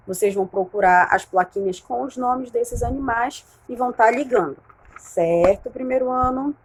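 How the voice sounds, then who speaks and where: A woman's voice: mid-range voice, darkish tone, rough recording. Patient Brazilian teacher woman. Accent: Brazilian Portuguese. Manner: patient, slow over key words, frequent "né?" and "certo?" checks. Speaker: primary school teacher. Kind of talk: recorded class explaining worksheet exercises.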